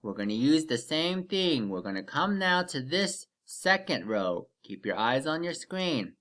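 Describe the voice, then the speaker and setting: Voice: medium pitch, very animated, fairly bright tone. A teacher leading a children's math lesson like a kids show host, counting aloud step by step, asking simple questions and encouraging the listeners. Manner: slow, step-by-step, repeatedly checking with "okay?".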